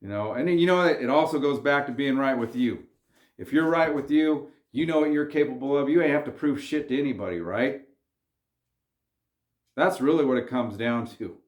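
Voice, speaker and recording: A man's voice: mid-range voice, normal speed, echoey room. A man talking casually straight to camera, slangy and earnest as he warns viewers to keep their cool. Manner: laid-back, slangy, earnest. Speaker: vlogger. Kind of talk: casual advice monologue.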